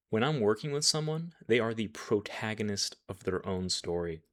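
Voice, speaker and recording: A man who works as a life coach, telling a personal story in a measured, reflective way with occasional self-corrections. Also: lowish voice.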